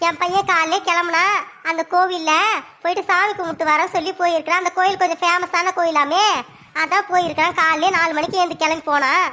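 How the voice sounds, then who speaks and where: A woman's voice: extremely high pitch, steady tone, fast talker, a little hiss or hum. A woman doing a scolding village mother. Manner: sharp, scolding address. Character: village mother, worried and scolding about her son. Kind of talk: dubbing an animated village story. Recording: voice with loud music behind.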